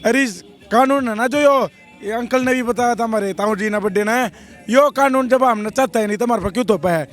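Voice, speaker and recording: A young protesting farmer with a Haryanvi accent speaks hoarsely in a street interview, blunt, defiant and rambling. His voice is very high and fairly quick, with soft music in the background.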